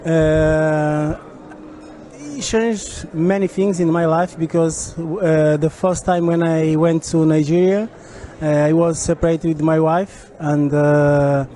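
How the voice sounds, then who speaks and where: A man from Portugal with a Portuguese accent, a native Portuguese speaker, giving a halting testimony in English full of fillers as an interviewee. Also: a little high, fairly even intonation, dark tone, soft background music. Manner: hesitant, many fillers. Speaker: interviewee, church partner. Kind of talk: halting testimony in a second language.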